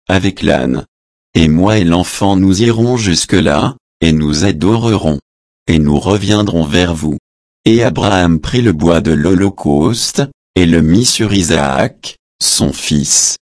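Slow, deep-voiced man reading scripture. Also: animated, darkish tone, no room sound, studio quality. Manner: measured and solemn, announcing verse numbers and reading translator notes aloud. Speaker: scripture reader. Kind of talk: verse-by-verse Bible reading.

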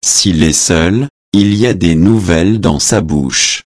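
A man reads an old king, a father in grief, in a very low, slow voice. The lines come plainly, in a dry, close recording. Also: dry recording. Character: grieving old king, a father mourning his son.

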